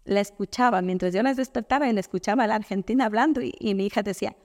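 Una mujer de Ecuador, invitada en una entrevista informal, que cuenta anécdotas con animación y recrea diálogos. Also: female voice, medium pitch, quick pace, long reverb tail. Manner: animated storyteller, quotes others in dialogue. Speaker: guest. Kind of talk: casual conversational interview.

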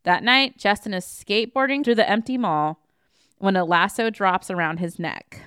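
Woman podcast host, smooth voice, dry close sound, casual movie recap with sarcastic jabs. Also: mid-range voice, normal speed, a bit bright, dry recording. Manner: wry, sarcastic asides between plot summary.

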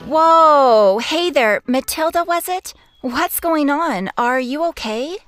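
A cheerful cartoon ranger sounds relaxed and reassuring. Her high voice bounces lively up and down as she talks. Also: slow, no room sound, full character voice. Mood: breezy. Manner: breezy and reassuring. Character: calm, cheerful female substitute ranger. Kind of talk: cartoon voice acting.

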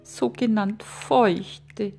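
A woman's voice: mid-range voice, fairly even intonation, very slow, gravelly, a little mellow, faint music behind. Woman playing a fussy frog conductor. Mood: relieved. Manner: fussy, instructive orders to the orchestra. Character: pompous male frog conductor, fussy and demanding.

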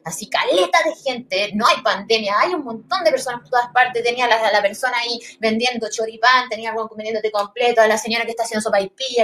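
A Chilean woman in her thirties, speaking with a Chilean Spanish accent, rambles through a funny personal story full of slang and swearing. Her voice is a little high and a bit bright, suited to casual comic storytelling.

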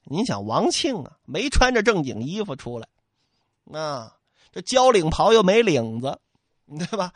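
A man's voice: high-pitched, sing-song, measured pace, dry recording, clean studio sound. A man telling a classic tale as comic storytelling, with chatty asides to his listeners.

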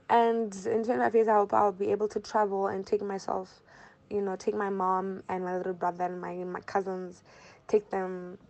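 Speaking at a moderate pace with a flat, medium-pitched delivery, she has a gravelly, darkish tone. She's a Zimbabwean-accented woman in her early twenties giving informal interview answers and repeating phrases to stress her points.

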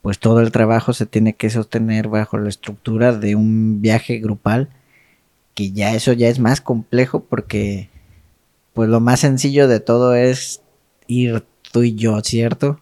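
A man's voice: lowish voice, little pitch movement, unhurried, mellow, no echo, clean studio sound. A man co-hosting a podcast, chatting reflectively in a meandering way that often seeks agreement. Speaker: podcast co-host. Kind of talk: casual, reflective chat.

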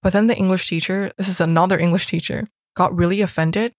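A young woman from Hong Kong, a guest reminiscing about school, chats casually and fills her storytelling with "like." Her lowish voice moves fast with fairly even intonation, and the recording is dry.

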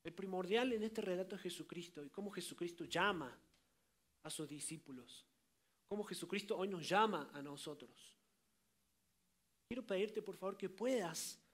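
A man with a notably high voice preaching a sermon. He talks straight to his listeners with colloquial asides and throws himself into acting out the scripture quotes.

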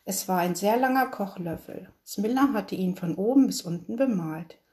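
A woman reading a children's story aloud in a gentle storytelling manner. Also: mid-range voice, moderate pace. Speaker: narrator.

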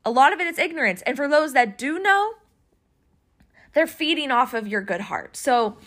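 A woman talks alone to her listeners in an earnest, heartfelt monologue. Her voice sits a little high and turns emotional, close to tears at times. She wanders, restarts and circles back as she speaks. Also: expressive, normal speed, a bit bright. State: tearful, emotional voice. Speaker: podcast host. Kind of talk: reflective personal monologue.

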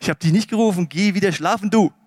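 A calm, gently dismissive old teacher in a retold scripture story, as a preacher puts him on. He speaks low and quietly, sending the boy back to bed without fuss. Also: moderate pace, clear, resonant tone, no echo, studio quality, natural voice.

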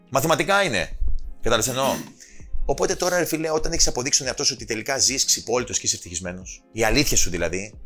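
On a laid-back podcast, a male guest who works as a personal trainer and author speaks with emphatic passion in a medium-pitched, fairly bright voice. He swears freely and mimics others in changed voices when quoting them.

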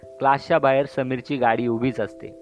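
A man narrating a story in a slow, measured reading. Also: medium pitch, fairly even intonation. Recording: dull lo-fi sound with faint music.

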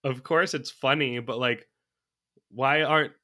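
A man's voice: medium pitch, steady tone, unhurried, pushed and bright. A man chatting casually about a movie as a podcast co-host, thinking aloud from his notes and laughing often. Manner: laughs often while talking.

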